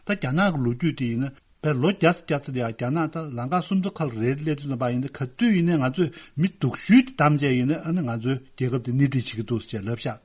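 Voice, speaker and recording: Husky-voiced man rambling on world affairs. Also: medium pitch, normal speed, few pauses, a little mellow, highs cut off. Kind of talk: solo talk on world affairs.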